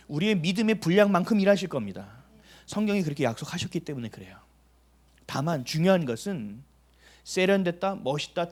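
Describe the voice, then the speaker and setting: A man's voice: a little high, darkish tone. A middle-aged male pastor preaching a sermon, telling stories animatedly, acting out dialogue and pressing with emphatic rhetorical questions.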